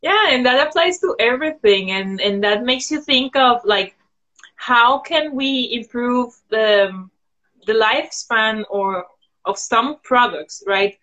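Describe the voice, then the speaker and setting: Woman guest musing with many pauses. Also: on the high side, pushed and bright, dull audio. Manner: thoughtful, halting, many fillers. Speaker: guest sharing sustainability tips. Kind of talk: casual video-call interview. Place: indoors at home. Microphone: video call.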